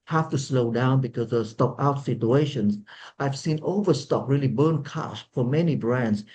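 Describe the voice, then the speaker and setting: A man's voice: mid-range voice, warm tone, a little hiss or hum. A man, a founder speaking on a webinar panel over a video call, explaining earnestly and repeating words as he searches for them. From Vietnam. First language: Vietnamese. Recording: dull, lo-fi video call audio.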